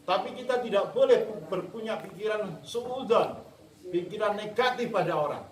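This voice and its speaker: A man's voice: sits high, animated, moderate pace. A man teaching a martial arts class to students, instructive and repetitive, chuckling now and then. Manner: instructive, repeats phrases, chuckles often. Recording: echoey room, mic far off.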